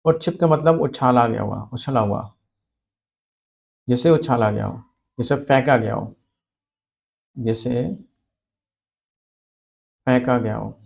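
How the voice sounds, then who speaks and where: A man teaching a spelling lesson, asking questions and answering them himself, repeating key words slowly. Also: medium pitch, creaky. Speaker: Hindi grammar teacher.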